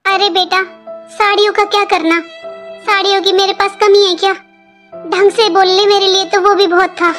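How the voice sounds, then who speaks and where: Woman as a firm, hurt mother, high voice, soft music behind. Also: little pitch movement, moderate pace. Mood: sad. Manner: firm, reproachful. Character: hurt mother defending her daughter. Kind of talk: family drama acting.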